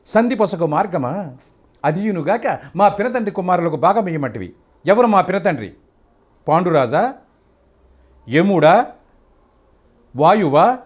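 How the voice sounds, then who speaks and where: An older man declaiming as a defiant epic king. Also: sits high. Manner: declaiming grand classical court speech. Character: proud defiant epic king addressing a royal court. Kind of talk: stage-style mythological dialogue recital.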